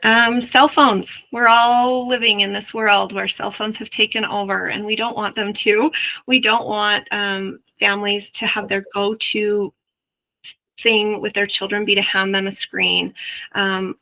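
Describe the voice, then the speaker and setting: A woman presents on early learning in a relaxed, chatty webinar talk, full of everyday parenting examples. Her voice is bright and forward with a gravelly fry at the ends of phrases. She speaks straight to her listeners. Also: mid-range voice, measured pace, rough recording. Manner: addresses the audience directly. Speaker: mother. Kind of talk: webinar presentation to health workers.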